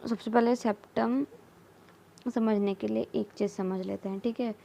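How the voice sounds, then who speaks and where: A woman's voice: on the high side, steady tone, gravelly, dark tone, slight background noise. A woman teaching biology, explaining step by step while drawing, repeating key terms and checking in with "theek hai". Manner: slow, repeats terms, mixes English terms into Hindi, frequent "theek hai".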